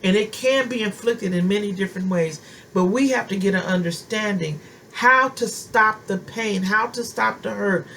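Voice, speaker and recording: A woman preaching straight to her listeners with fervent, homespun conviction. Her voice sits at an ordinary middle pitch, and she drives points home by repeating phrases. A faint background hiss runs under her talk. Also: normal speed, fairly bright tone, poor audio. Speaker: preacher and self-styled prophetess. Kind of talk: informal sermon, speaking to viewers.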